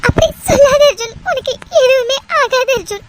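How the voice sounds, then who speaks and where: At normal speed and very high pitch, a woman voices a tearful, devoted young woman in a Tamil audio melodrama, pleading over her injured beloved. Her repeated begging carries desperate devotion, and the recording is noisy and full of clicks.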